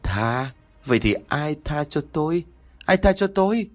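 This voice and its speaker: A man's voice: mid-range voice, animated, moderate pace, husky. A man voicing the vengeful ghost of a young girl, wailing and accusing in a storybook tale. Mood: anguished.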